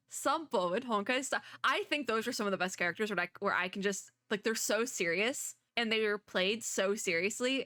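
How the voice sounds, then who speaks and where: In a dry recording, a woman with a bright, forceful mid-range voice hosts a laid-back gaming reaction video as a VTuber. Speaking to gamers from her home computer setup indoors, she chats, rambles, and sounds playfully exasperated.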